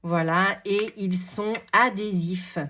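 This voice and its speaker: A woman with a medium-pitched, fairly even voice and a sharp tone hosts a casual crafting tutorial, taking it slowly. She chats while handling paper and stickers, hesitating often and leaning on plenty of fillers. There's slight background noise.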